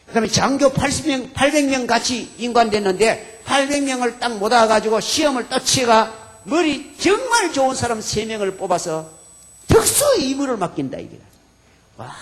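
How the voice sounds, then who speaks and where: Brief: a male preacher with a Gyeongsang accent telling a sermon story animatedly, pitched high. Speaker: pastor.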